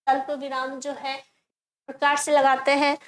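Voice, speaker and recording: A woman's voice: high-pitched, monotone, unhurried, poor audio. A woman teacher explaining a grammar lesson step by step, asking the class questions and answering them herself. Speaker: Hindi teacher.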